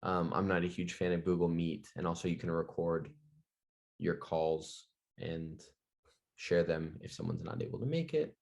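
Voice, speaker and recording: A man with a very deep voice co-hosting a relaxed podcast. He talks in halting bits, pausing on "um" and "like" as he gathers his thoughts. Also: vocal fry. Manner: hesitant, halting, many "um" and "like". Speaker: podcast co-host. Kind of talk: casual conversational podcast chat.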